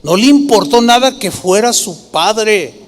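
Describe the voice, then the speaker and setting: Emphatic pastor preaching. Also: male voice, high-pitched, expressive, measured pace, in a large hall. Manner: emphatic, quizzes the congregation with rhetorical questions. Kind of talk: sermon.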